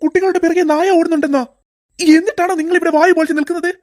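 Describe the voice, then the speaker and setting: A woman voicing a bossy, excitable male schoolteacher who scolds and asks agitated questions in a cartoon. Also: extremely high pitch, racing, faint music behind. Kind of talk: cartoon voice acting.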